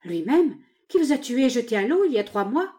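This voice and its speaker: Excited male clerk, voiced by a woman, emphatic, lively pitch. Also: a little fast.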